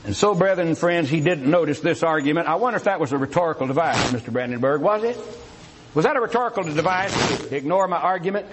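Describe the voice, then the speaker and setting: A man in a formal religious debate, firing rhetorical questions and taunting his opponent, swinging between a raised voice and low asides. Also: expressive, fast, noisy background.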